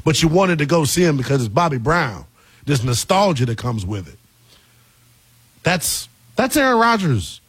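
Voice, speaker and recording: High-pitched, animated male sports radio host. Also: moderate pace, slightly rough, no echo. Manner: colloquial, emphatic, repeats phrases for effect. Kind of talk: sports talk monologue and caller chat. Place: radio studio.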